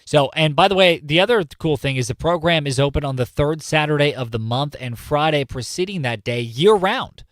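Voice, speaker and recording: A man's voice: on the high side, expressive, fairly quick, few pauses, a bit bright, no echo, clean studio sound. A man from California who hosts a morning radio news show, chatting casually and joking as he explains local news, often repeating points. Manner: chatty and jokey, explains things by repeating himself. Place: radio studio. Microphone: studio microphone.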